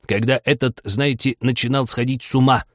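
A man's voice: medium pitch, fairly even intonation, moderate pace, a bit bright, no echo, studio quality, pitched above the performer's own voice, lightly acted. A man voicing a gloomy, eccentric male hatter in a lifted, sing-song, quarrelsome voice. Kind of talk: audiobook character reading.

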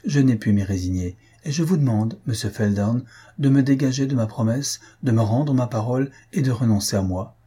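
Man doing a timid young woman, pleading, raised soft voice, husky edge. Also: mid-range voice, normal speed, close to an everyday voice.

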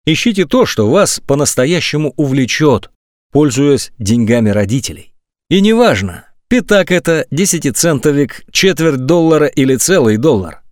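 A man's voice: normal speed, dry recording, clean studio sound. A man narrating a nonfiction audiobook in a scripted, emphatic reading style. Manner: lively, emphatic reading with wide swings of pitch.

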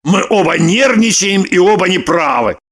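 A man voicing a stubborn, defensive middle-aged man in an audiobook, giving measured replies in a husky voice. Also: high-pitched, lively intonation, a bit bright, exaggerated voice. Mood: tired defensive.

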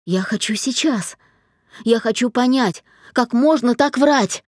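A distraught young daughter, put on by a woman narrator, rushes her words between sobs. Her voice sits high and tight with hurt. The read is dry and close. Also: no echo, lightly acted. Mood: indignant. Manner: shrill, rapid, breaking into sobs. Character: distraught young adult daughter, accusing, tearful.

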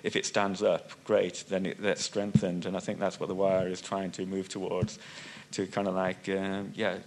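Man, panelist, low flat voice, halting and self-correcting. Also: a little hiss or hum. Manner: hesitant, many restarts and fillers, loses thread. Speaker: panelist, music magazine writer. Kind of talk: unscripted panel discussion. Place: conference hall panel.

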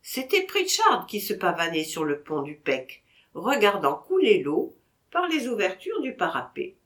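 A woman's voice: mid-range voice, huge pitch swings, unhurried, fairly bright tone. A woman reading a classic novel aloud, narrating expressively and voicing each character. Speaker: audiobook reader.

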